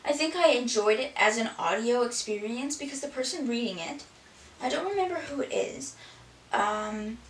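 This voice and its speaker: A woman's voice: fairly high pitch, lively intonation, normal speed. A woman chatting casually about books she has read, rambling and filling her talk with "like". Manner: rambling, frequent "like" fillers. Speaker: book vlogger. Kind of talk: casual book review chat. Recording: echoey room, from a distance, faint hiss.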